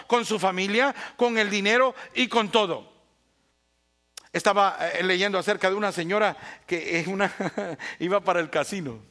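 A man preaching a sermon as pastor, swinging between loud bursts and hushed asides, with playful humor. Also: high voice.

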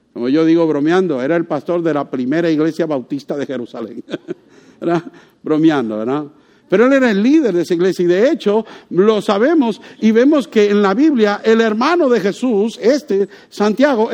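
A man's voice: sits high, a little mellow. A man preaching a sermon, conversational, asking the congregation rhetorical questions and joking lightly. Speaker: pastor.

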